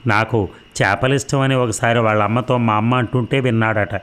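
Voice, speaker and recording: A man reading a novel aloud as an audiobook narrator, in a steady storytelling manner. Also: mid-range voice, a little fast, clean tone.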